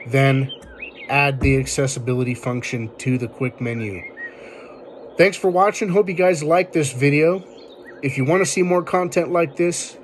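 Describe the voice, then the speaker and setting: A man's voice: mid-range voice, a little hiss or hum. A man hosting a casual tech tutorial, explaining things informally step by step. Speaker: video tutorial host.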